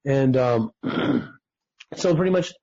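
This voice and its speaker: A man's voice: mid-range voice, lively intonation, takes it slowly, dark tone, muffled recording. Earnest man telling his life story. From United States (Utah). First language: Persian. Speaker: podcast guest.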